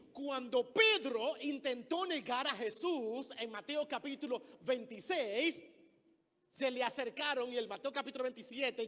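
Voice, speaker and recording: A man from the Republic, preaching a sermon, swinging between loud emphatic phrases and soft ones. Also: extremely high pitch. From Dominican Republic. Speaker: pastor. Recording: long hall reverb.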